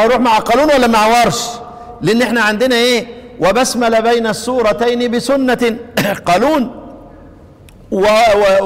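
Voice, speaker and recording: An Egyptian man with a strikingly high voice explains a poem about Quran recitation line by line. He chants its verses slowly and keeps putting questions to his class before answering them himself. His voice rings out with a long reverb trailing behind it. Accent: Egyptian Arabic.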